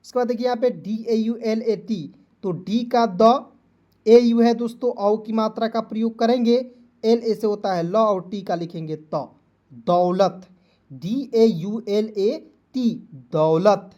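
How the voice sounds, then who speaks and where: A man's voice: high-pitched, fairly even intonation, a little slow, mellow, muffled recording. A man teaching an online lesson, who patiently spells words out letter by letter and keeps checking in with his viewers as friends. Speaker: English teacher.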